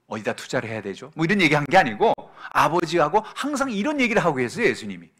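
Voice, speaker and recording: Male pastor, sermon delivery, bright and ringing, emphatic swings from soft to loud. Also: fairly high pitch, big pitch swings, fast. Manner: emphatic preaching, swinging from hushed to loud exhortation.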